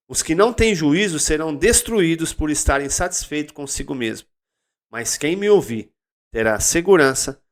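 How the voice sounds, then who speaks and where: A man with a Brazilian accent hosting a daily Bible study. He talks casually, tells stories and reads verses with loud, emphatic bursts. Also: a little high. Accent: Brazilian Portuguese.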